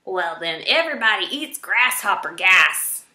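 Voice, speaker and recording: A crotchety old male porcupine from a children's storybook, acted out by a woman reader, blustering and indignant. The voice is forceful and jumps up and down in pitch, recorded in a roomy space. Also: expressive, a little slow. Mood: indignant, roaring. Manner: bellowing, grumbling, indignant.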